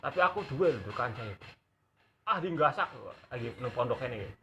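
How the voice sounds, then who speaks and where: A man's voice: mid-range voice, expressive, fairly quick, fairly bright tone, a little hiss or hum. A man with a Javanese accent teaching a religious study class, folksy and joking, mixing in Javanese.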